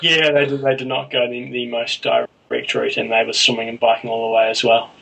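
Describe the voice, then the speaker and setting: A man's voice: medium pitch, expressive, brisk, vocal fry, fairly bright tone, distant mic, rough recording. A man with a New Zealand accent talking casually as a podcast co-host. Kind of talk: casual co-hosted sports chat.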